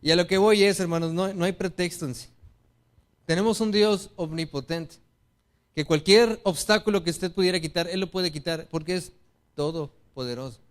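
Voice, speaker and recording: A man with a Mexican Spanish accent delivers a sermon in a high voice, earnest and direct with his congregation. He often slips into short acted-out exchanges and quoted excuses to make his point. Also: normal speed. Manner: earnest, appeals to the congregation as brothers; acts out excuses and dialogue in quotes. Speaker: preacher.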